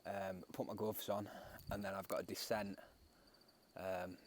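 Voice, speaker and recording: Casual male cycling vlogger, low voice, rambling and chatty, recorded outdoors with wind noise. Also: flat delivery, measured pace. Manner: rambling, chatty, many fillers. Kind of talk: casual vlog narration while riding. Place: outdoors on roads at night. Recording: windy outdoor phone recording.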